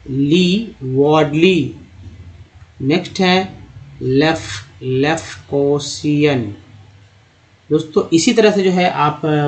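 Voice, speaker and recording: A man giving a patient pronunciation lesson, spelling words out letter by letter and repeating them slowly. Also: fairly high pitch. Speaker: English teacher. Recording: dull lo-fi recording.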